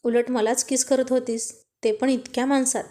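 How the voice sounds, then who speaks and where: Teasing young husband in an audio story, slow and sly, mellow tone, read by a woman. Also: sits high, little pitch movement, close to an everyday voice.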